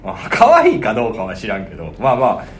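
A man's voice: mid-range voice, a little hiss or hum. A man with a Kansai accent, chatting and bantering as a comedy-duo co-host, laughing often. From Osaka, Japan. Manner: animated, quick banter with frequent laughs. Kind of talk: casual comedy-duo chat.

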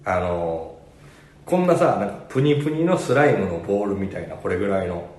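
A man's voice: sits low, brisk, echoey room. A man with a Kansai accent telling stories as co-host of a casual chat podcast, laughing often. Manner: storytelling, animated, laughs often.

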